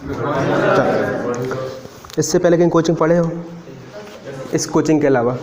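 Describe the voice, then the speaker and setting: A man's voice: on the high side, slow pace, echoey room, a crowd in the background. A man teaching maths to a live class in a casual lecture style, often stopping to ask students whether they follow. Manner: talkative, asks students frequent check questions.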